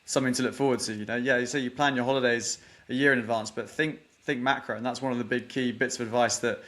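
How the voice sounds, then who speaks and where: A man's voice: medium pitch, fairly even intonation, fast talker, fairly bright tone. A man hosting a podcast interview, earnest and appreciative, often repeating words as he talks. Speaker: podcast host. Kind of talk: interview wrap-up, asking questions.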